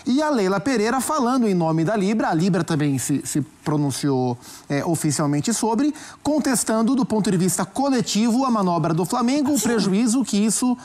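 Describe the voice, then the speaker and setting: A man with a Brazilian accent giving his view as a commentator in a studio sports debate, measured and often restarting phrases as he thinks. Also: high voice, sing-song, a little mellow. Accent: Brazilian Portuguese.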